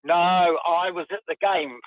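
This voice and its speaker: A man's voice: sits high, fairly even intonation, a little slow, dry recording. A man calling in to a radio phone-in, chatting and joking, his voice muffled as if he were at the bottom of a well. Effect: muffled phone line, as if down a well. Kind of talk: casual chat. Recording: tinny phone line.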